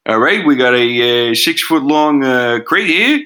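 A man doing a gruff parcel delivery guy. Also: medium pitch, animated, a little slow, bright, forceful tone. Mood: puzzled.

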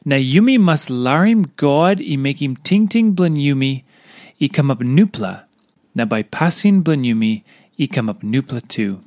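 A man's voice: mid-range voice, darkish tone, no room sound, studio quality. A man with a Papua New Guinean accent reading a scripted devotional in Papua New Guinea pidgin. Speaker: devotional reader.

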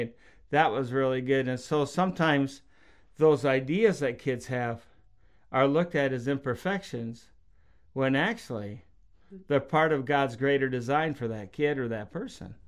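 Speaking with a clean, medium-pitched voice, a middle-aged preacher on a podcast chats informally about faith. He tells stories and raises his voice to act out the quotes.

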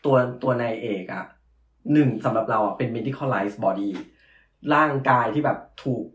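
A man taking part in a casual academic podcast discussion, thoughtful and measured, often agreeing with the others. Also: mid-range voice. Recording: roomy echo.

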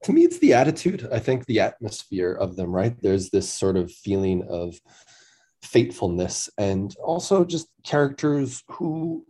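A man's voice: on the low side, big pitch swings, unhurried, mellow, husky. A man from Massachusetts, an author being interviewed over the phone, speaking thoughtfully and laughing easily. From Massachusetts, USA. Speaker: author guest. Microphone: phone line.

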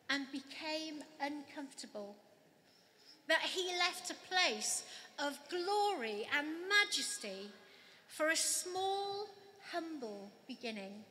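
A Welsh woman pastor giving a gentle, reflective sermon at a candlelit carol service. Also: high voice, a little hiss or hum. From Wales. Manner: gentle, reflective, slow with pauses. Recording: long church reverb, faint ambience.

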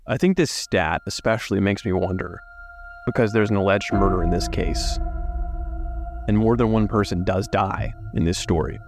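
Low-voiced man narrating over soft music. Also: creaky. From Alabama. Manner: measured, reflective storytelling. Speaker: podcast narrator. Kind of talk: scripted true-crime narration.

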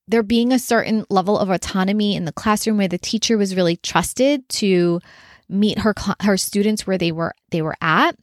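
A woman speaks as a business coach in an earnest, conversational solo monologue, often reaching for filler words as she talks. Her voice sits in an ordinary middle pitch. The recording is dry and close, with no room sound around her. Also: no room sound.

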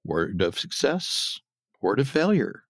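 A man's voice: medium pitch, very animated, slow pace, no room sound. A man co-hosting a podcast, recapping a TV episode scene by scene in a casual chat. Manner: retells scenes, acting out quotes. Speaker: podcast co-host.

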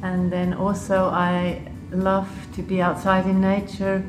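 Her delivery is completely flat and unhurried, in a mid-range voice with an English accent; she's from Switzerland and Liechtenstein. As a public health official guesting in an interview, she answers unscripted, pausing thoughtfully, while music plays amid a roomy echo.

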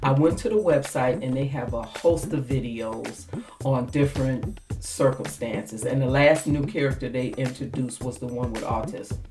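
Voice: mid-range voice, moderate pace, over music. An interview host asking rambling questions full of fillers and restarts, in casual conversation. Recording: voice distant from the mic.

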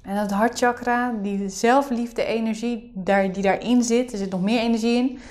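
A woman's voice: a little high, fairly even intonation, normal speed, a little mellow. A woman explaining a meditation exercise as the leader of the session.

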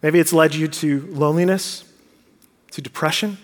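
A male pastor with a high, light voice delivers a sermon in an earnest, conversational way. He keeps putting questions to the congregation. His words carry a long reverb from the church sanctuary. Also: steady tone, normal speed.

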